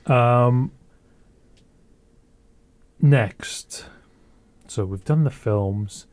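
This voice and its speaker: A man's voice: mid-range voice, extremely slow, darkish tone. A young man co-hosting a podcast, telling rambling anecdotes in a casual chat. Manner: rambling, anecdotal storytelling with restarts. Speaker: podcast co-host.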